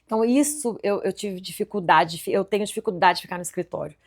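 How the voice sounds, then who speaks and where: Woman, Brazilian accent, very quick delivery, mid-pitched, animated and full of restarts, business owner as a guest. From Goiás, Brazil. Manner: rapid, animated storytelling with many restarts. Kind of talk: casual interview chat.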